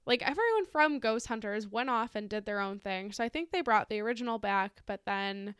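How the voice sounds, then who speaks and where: A woman's voice: medium pitch, animated, a little fast, fairly bright tone, smooth, no room sound, studio quality. A woman hosting a podcast, reading out ghost stories in a casual, giggly, informal way. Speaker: podcast host.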